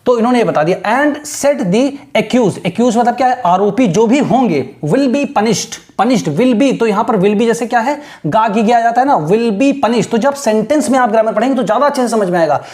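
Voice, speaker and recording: Hindi-speaking male teacher, slow reading. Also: extremely high pitch, animated, darkish tone. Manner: asks questions then answers them, reads English phrases slowly; repeats phrases with frequent check-ins. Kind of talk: explaining an English news article in Hindi.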